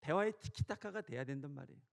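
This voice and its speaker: Male pastor, high voice with gravel, sermon delivery that swings loud to soft. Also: animated, fast. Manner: swings between loud preaching and soft storytelling.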